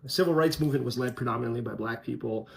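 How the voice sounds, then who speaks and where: A man's voice: mid-range voice, very fast, vocal fry. A man from Colombia, raised in the US, talking frankly and conversationally to his channel's viewers. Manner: frank, conversational, many fillers. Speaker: channel host. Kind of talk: casual opinion vlog.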